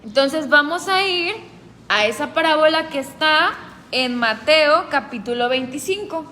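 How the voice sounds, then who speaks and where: A woman leads a group Bible study in a calm, explanatory way, putting questions to her listeners. Her voice sits high and her pace is slow and deliberate. A long reverb and faint background noise hang around her words.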